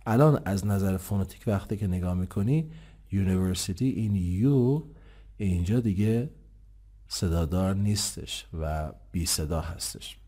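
Low-voiced male English teacher. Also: lively intonation, mellow. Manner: explains patiently, asks himself questions and answers them; says English examples slowly and clearly. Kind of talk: online English lesson.

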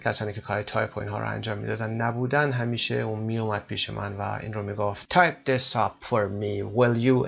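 Persian-accented guy teaching english, low gravelly voice, reads lines real slow then rattles off explanations, dull lo-fi sound. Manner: reads English sentences slowly and deliberately, explains quickly in Persian. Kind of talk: bilingual reading lesson, slow read-aloud then explanation. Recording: dull lo-fi recording.

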